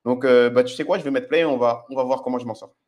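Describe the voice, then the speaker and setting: A quick-talking man, speaking at a middle pitch. He coaches viewers directly and often checks that they are following. His delivery is instructive and confident. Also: fairly even intonation, a little mellow, dull audio, slight background noise. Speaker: dating coach. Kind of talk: commenting on his own street footage.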